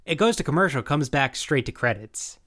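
A man's voice: a little high, expressive, a little fast, fairly bright tone. A young man co-hosting a podcast in a casual, informal recap chat, given to swearing and paraphrasing dialogue. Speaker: podcast co-host.

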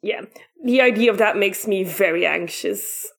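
A woman co-hosting a podcast in casual chat, adding wry, measured comments. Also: mid-range voice, creaky, fairly bright tone. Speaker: podcast co-host.

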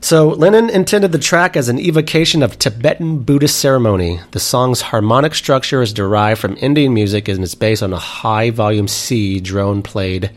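A man co-hosting a podcast, reading out facts in casual chat with stumbles and asides. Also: medium pitch. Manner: reads trivia aloud with stumbles and asides. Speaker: podcast co-host.

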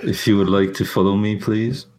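A man's voice: fairly low pitch, fairly even intonation, normal speed, a little mellow, a little hiss or hum. A man chatting casually as a player in a tabletop roleplaying game, describing what his character does and says.

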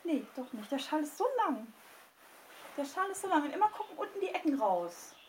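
A woman's voice: high voice, very animated, fairly quick, echoey room, slight background noise, low-quality recording. A woman podcast host chatting casually while getting dressed, singing bits and laughing, swearing playfully.

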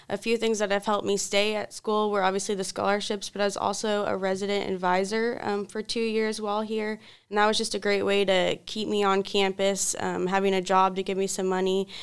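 A college student in her twenties from Kentucky, a woman answering interview questions in a friendly, steady way. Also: mid-range voice, clean tone. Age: 20s. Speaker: student guest.

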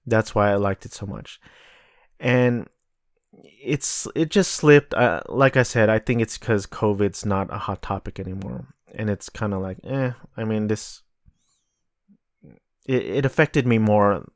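A man's voice: fairly low pitch, dry recording, clean studio sound. A man talking casually on his own about films he has and hasn't seen, rambling and correcting himself as he reads from notes. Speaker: vlogger reviewing films. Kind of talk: casual solo commentary.

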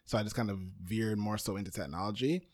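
A man's voice: on the low side, quick pace, darkish tone. A man from Brooklyn, a podcast network founder, talking loosely as an interview guest with lots of "um" and "you know". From Brooklyn, New York, USA. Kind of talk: casual interview talk.

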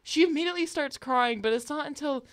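A woman's voice: quick pace, dry recording. A young woman in casual chat who acts out quotes expressively. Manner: expressive, acts out quotes with big pitch jumps.

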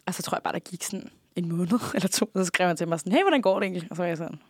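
A young Danish woman co-hosting a casual podcast chat, frank and chatty, quick to react and agree. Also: lowish voice, darkish tone, dry recording, clean studio sound. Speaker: podcast co-host.

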